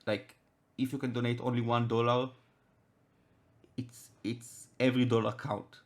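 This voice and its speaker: Hosting a laid-back chat podcast, this young man from Israel speaks with an Israeli accent, Hebrew being his first language. He stops and restarts often, in a medium-pitched voice that barely moves in pitch.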